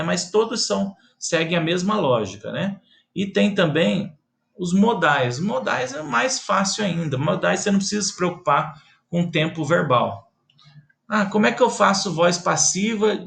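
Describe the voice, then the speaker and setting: A man's voice: on the high side, creaky, fairly bright tone. A Brazilian man with a Brazilian Portuguese accent teaching English grammar patiently, repeating himself and checking in with the listener often. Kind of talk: slow grammar lesson explaining English to Portuguese speakers.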